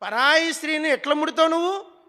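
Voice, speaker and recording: A man's voice: very high-pitched, brisk, pushed and bright, long reverb tail. A man preaching a sermon as pastor, emphatic and scolding, who has the congregation repeat his words.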